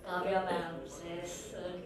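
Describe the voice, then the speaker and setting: A young actress giving a thank-you speech on stage, mixing Tamil and English and running through a list of names with fillers. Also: female voice, lowish voice, measured pace, background noise. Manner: flat and steady, listing names with fillers. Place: large event hall. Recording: echoey hall from far off with crowd.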